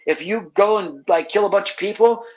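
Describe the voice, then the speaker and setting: A man's voice: high-pitched, a little fast, lo-fi sound. A man as a podcast guest, telling a personal story in a passionate, heartfelt way with casual, slangy speech. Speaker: podcast guest, manifestation teacher. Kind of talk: emotional personal storytelling in conversation.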